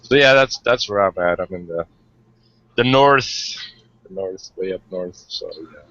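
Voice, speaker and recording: This Hungarian-born guest caller rambles hesitantly through a casual chat in an online hangout, cursing a lot as he goes. He has a deep, somewhat bright voice and sounds animated but unhurried, heard over lo-fi online call audio.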